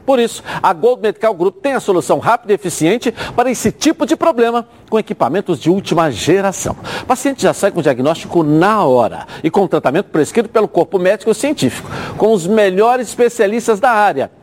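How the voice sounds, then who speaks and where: A man's voice: lively intonation, brisk, few pauses. Man, Rio accent, hard-sell ad read, swooping intonation, emphatic, noisy background. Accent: Brazilian, Rio de Janeiro. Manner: emphatic, urging sales pitch. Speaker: TV sports show host.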